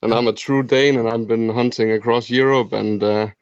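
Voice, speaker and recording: A man's voice: mid-range voice, steady tone, moderate pace, clear, resonant tone, dry recording, dull audio. A Danish man in his twenties with a Danish accent, a podcast guest chatting cheerfully and laughing often. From Denmark. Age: 20s. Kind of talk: casual interview chat.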